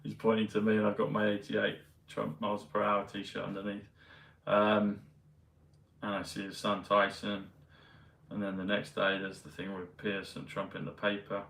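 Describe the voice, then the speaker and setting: A man vlogging in a meandering, hesitant casual monologue full of pauses and fillers. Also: on the low side, monotone, gravelly, fairly bright tone, slight background noise. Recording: roomy, mic at a distance, faint ambience.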